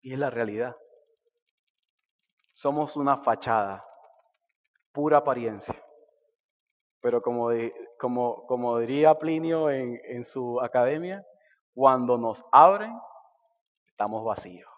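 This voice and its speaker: A man preaching a sermon, swinging between loud and hushed. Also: medium pitch, a little slow, long pauses, big-room sound, muffled recording. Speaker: pastor. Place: church sanctuary.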